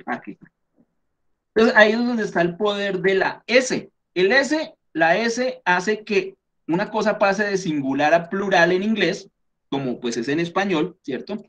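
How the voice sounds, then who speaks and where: A man's voice: high-pitched, lively intonation, measured pace, a bit bright. A man with a Colombian accent teaching a class, explaining things patiently step by step and often checking in with his students. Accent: Colombian Spanish.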